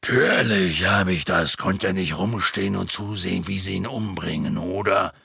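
A hulking, gruff half-giant groundskeeper, speaking slowly in a deep, grainy, husky rumble. His plain, folksy words come out with a sharp, bright edge. The sound is close and dry, like a storybook reading. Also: no echo, full character voice. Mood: grim gruff. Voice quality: gravelly, raspy. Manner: gruff, slow, folksy speech.

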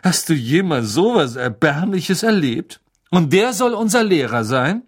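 A male audiobook narrator voicing a spiteful teenage schoolboy in a high, mocking tone. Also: sing-song, unhurried, husky, full character voice. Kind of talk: audiobook character voice.

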